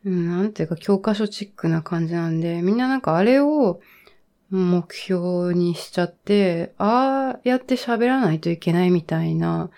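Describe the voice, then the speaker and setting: A woman in her thirties talking in a relaxed, reflective monologue, full of fillers and trailing asides, as she gives advice on learning English. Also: on the low side. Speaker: podcast host giving English learning advice. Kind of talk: casual monologue.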